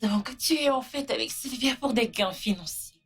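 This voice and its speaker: A woman's voice: fairly high pitch, moderate pace, slightly rough. An actress playing a defiant young woman who confronts a liar. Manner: insistent, confrontational. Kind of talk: dubbed film drama.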